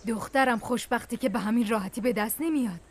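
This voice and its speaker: A woman's voice: a little high, close to an everyday voice. A woman playing a wise, scheming older sister figure who gives advice. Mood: coaxing. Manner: coaxing, advising. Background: music.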